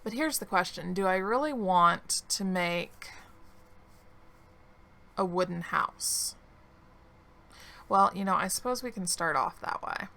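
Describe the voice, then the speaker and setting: Woman, gaming commentator, slow and unhurried, fry in the voice, slightly hoarse. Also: on the low side, lively intonation, sharp tone. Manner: slow, thinking aloud while playing. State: losing her voice, clearing her throat. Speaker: gaming video creator. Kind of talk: relaxed let's-play commentary.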